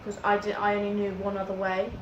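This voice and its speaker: A woman's voice: medium pitch, completely flat delivery, quick pace, muffled recording. A woman casually telling a story together with someone, as co-storyteller. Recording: roomy echo, clear background noise.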